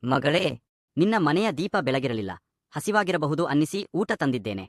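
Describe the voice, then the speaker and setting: A man's voice: on the high side, very animated, moderate pace, dry recording, studio quality. A man voicing a caring, motherly older woman next door, speaking affectionately. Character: motherly older female neighbor, warm and caring.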